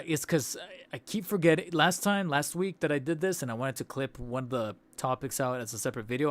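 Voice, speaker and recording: In a mid-range voice that's starting to go, a young toy channel host rambles through a casual livestream wrap-up, restarting sentences and laughing as he goes. He's on a studio desk mic.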